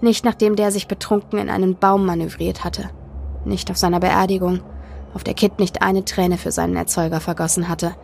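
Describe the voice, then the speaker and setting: A woman narrating a horror story in the first person, with tense, expressive delivery. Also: lowish voice, normal speed, vocal fry, a little hiss or hum. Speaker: podcast narrator. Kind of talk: dramatic horror story reading.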